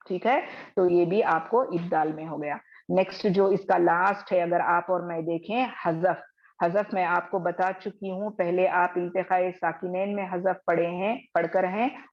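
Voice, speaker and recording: A woman teaching a tajweed class over a video call, patiently explaining step by step, checking in with her students and slowly chanting example words. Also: on the low side. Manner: slowly chants Arabic words while demonstrating. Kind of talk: online class lecture. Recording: dull lo-fi call audio.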